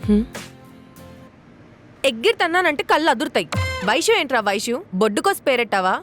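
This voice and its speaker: An actress playing a teasing, quick-tongued colleague and friend. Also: female voice, high voice, very animated, a bit bright, soft background music. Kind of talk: web series acting.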